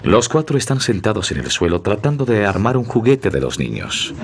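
Solemn melodrama narrator, very low voice, lively intonation, emotive scripted delivery. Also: male voice, moderate pace, crowd noise. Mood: solemn, tender. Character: solemn, emotive male storyteller of a romantic melodrama.

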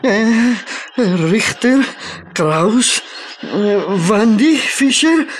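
A frightened elderly scientist from an old radio play. He stammers and cries out in panic, his speech slow and halting. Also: sits high, expressive, exaggerated voice. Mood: anxious. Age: older. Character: frail bald old male scientist, terrified. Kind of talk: 1960s radio drama acting.

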